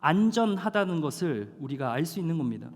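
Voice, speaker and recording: A male pastor preaching a sermon to a young adult congregation, animated and storytelling, with dramatic slowdowns for emphasis. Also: a little high. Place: church hall. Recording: long hall reverb.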